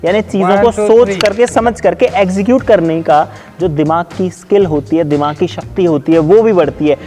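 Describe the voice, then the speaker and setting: A man's voice: sits high, normal speed, warm tone, soft background music. A man talking casually to viewers in an upbeat, persuasive way. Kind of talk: casual chat and promo talk.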